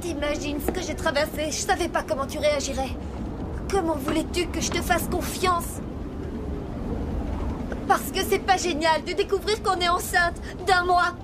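A woman's voice: very high voice, steady tone, normal speed, noisy background. An actress playing a bitter, wounded young woman in a French-dubbed TV drama, accusing and sarcastic. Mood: bitter, defensive. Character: bitter, wounded young woman confronting her unfaithful boyfriend.

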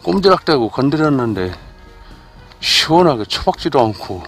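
A middle-aged man hosting a fishing channel, talking to himself with excited exclamations as he fishes outdoors at night by a muddy waterway. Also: mid-range voice, normal speed, faint music behind. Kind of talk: fishing vlog commentary.

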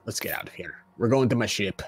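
A man voicing a stern, gruff male dwarven mining captain in a tabletop role-play. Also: lowish voice, fast talker, faint music behind. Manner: curt, gruff, says "aye".

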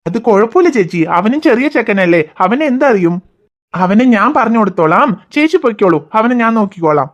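A woman voicing a patient cartoon father who calms and reasons with small children. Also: mid-range voice, fairly quick, highs cut off, lightly acted. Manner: soothing, reasoning, calm. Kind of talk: cartoon voice acting.

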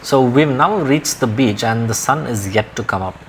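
A man's voice: mid-range voice, moderate pace. A young man from India narrating a motorbike trip in an easygoing, plain-spoken way through a helmet mic. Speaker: motovlogger. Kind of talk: casual travel vlog narration. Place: on a motorbike on a road. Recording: road and engine noise behind.

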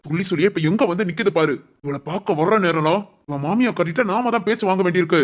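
A woman's voice: on the low side, fast talker, lightly acted. A woman voicing a strict, domineering middle-aged father who scolds his family in a cartoon family drama. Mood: stern.

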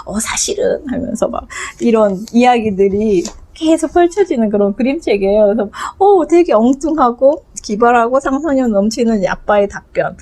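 Woman picture book reviewer, casual and chatty, fairly high voice, lots of fillers. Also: expressive, moderate pace, few pauses, warm tone. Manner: chatty, laughs often, many fillers.

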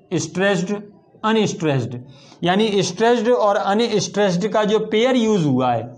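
A man teaching English poetry meter in a patient, methodical way, counting out stressed and unstressed syllables step by step. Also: high voice. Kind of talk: explanatory lesson.

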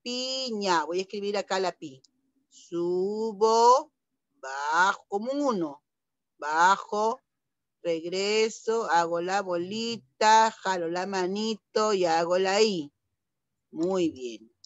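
A woman's voice: medium pitch, expressive, slow pace, dry recording. A middle-aged woman, teaching young children to read and patiently sounding out syllables. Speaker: primary school teacher. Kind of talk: online reading lesson for young children.

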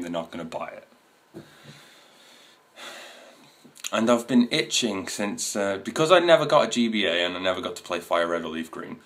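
Casting: twenties male vlogger, low voice, loose, meandering chat to camera. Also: fairly bright tone. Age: 20s. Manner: rambling, many fillers and restarts. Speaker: video host. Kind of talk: casual to-camera talk. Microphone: camera mic.

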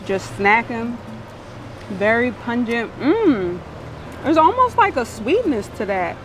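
A woman's voice: a little high, very animated, takes it slowly, fairly bright tone, faint music behind. A woman in her thirties from Philadelphia, a research scientist, speaking reflectively about family and food. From Philadelphia, USA. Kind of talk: documentary interview.

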